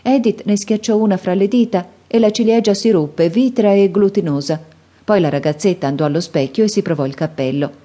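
A woman narrating a classic novel as an audiobook, in a calm, even storytelling manner. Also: mid-range voice, fairly quick. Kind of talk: scripted narration.

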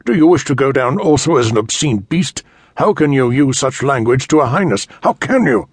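A man's voice: medium pitch, animated, moderate pace, slightly rough, dry recording, voice pushed up. A man voicing a proud knight, speaking in an indignant, furious manner. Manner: indignant, outraged. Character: furious young male knight, proud and honor-bound.

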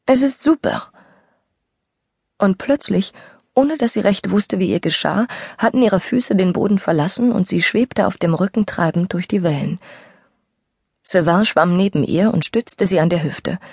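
A woman narrating a young-adult novel as an audiobook reader, with a breathy voice, recorded in a studio. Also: fairly low pitch, normal speed, darkish tone, dry recording. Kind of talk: scripted narration.

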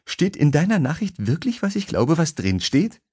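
A man's voice: fairly high pitch, sing-song, moderate pace, a little mellow, breathy edge, voice pushed up. Man putting on a teasing young woman's voice. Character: young woman, ballet dancer, teasing and bubbly. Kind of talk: audiobook character voice.

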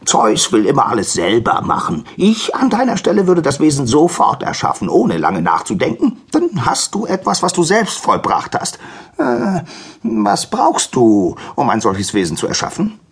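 A pushy storybook donkey brays out his advice in a shrill, squawking voice that leaps all over the place. He sounds excited and insistent, with a husky grain underneath. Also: moderate pace, heavily acted. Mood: eager. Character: eager braying male donkey, boastful and pushy. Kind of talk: storybook character voice.

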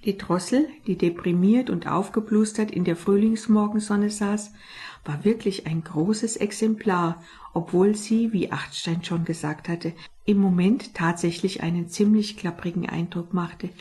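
A woman narrating her own children's audiobook in a lively, expressive way. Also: mid-range voice, measured pace. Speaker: author and narrator.

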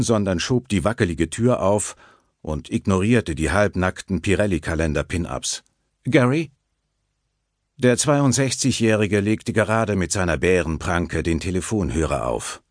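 A man narrating an audiobook in an expressive, varied reading on a close studio mic. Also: sits low, no echo. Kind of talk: scripted narration.

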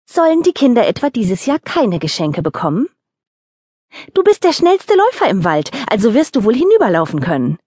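A woman's voice: medium pitch, very animated, a little fast, hardly any pauses, a little mellow, dry recording, clean studio sound. A woman voicing a bossy female mother hare who scolds her husband in a children's audiobook. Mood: scolding. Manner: scolding, insistent.

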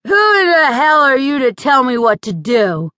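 A woman narrator voicing a leering, whining frontier town drunk with a high, giggly drawl. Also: big pitch swings, a little slow, pushed and bright, no room sound, studio quality, full character voice. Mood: belligerent.

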